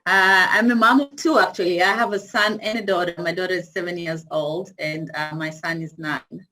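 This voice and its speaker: A woman's voice: lowish voice, steady tone, normal speed, pushed and bright, poor audio. A woman with a Tanzanian accent giving an informal online presentation as a guest lecturer. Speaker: guest speaker, university cybersecurity lecturer. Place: video call.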